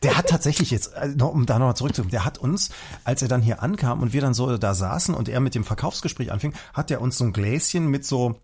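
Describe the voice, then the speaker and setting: A man co-hosting a casual chat, telling a rambling anecdote in a relaxed, conversational way. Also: mid-range voice, quick pace, breathy edge.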